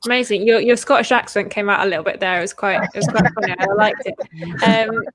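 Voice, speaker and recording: A woman's voice: mid-range voice, steady tone, fast, a crowd in the background. A woman hosting a casual online interview, upbeat and encouraging. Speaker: host.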